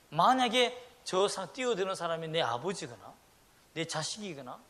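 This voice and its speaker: A middle-aged man preaching a Sunday sermon, swinging between loud emphatic lines and hushed ones. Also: high voice. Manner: animated preaching with sudden loud and soft swings, acting out quoted voices. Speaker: pastor.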